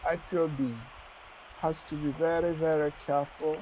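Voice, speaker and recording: A man, an interview guest speaking formally and deliberately while his voice breaks up over a bad call connection. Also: on the high side, level tone, mellow, a little hiss or hum, low-quality recording. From southeastern Nigeria.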